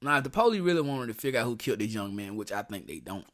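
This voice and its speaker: A man's voice: on the low side, big pitch swings, racing, fairly bright tone. A young man hosting a reaction video, talking bluntly in street slang with plenty of profanity and telling stories between clips. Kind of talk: casual reaction commentary.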